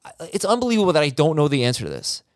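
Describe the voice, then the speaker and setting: A man's voice: fairly high pitch, big pitch swings, rapid-fire, no echo, clean studio sound. A man with an American accent hosting a podcast, chatting informally and giving his opinions on a TV show. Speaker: podcast host. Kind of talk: casual chat, TV show discussion.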